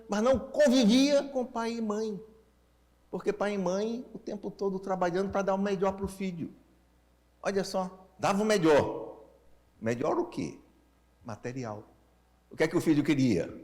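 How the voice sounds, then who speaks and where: A Brazilian man in his sixties gives an informal lecture with slightly tongue-tied, slurred articulation, asking rhetorical questions and checking in with short tags. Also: high-pitched. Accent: Brazilian Portuguese. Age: 60s. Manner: animated, checks in with listeners using short tag questions. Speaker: speaker leading a Spiritist family-ministry session.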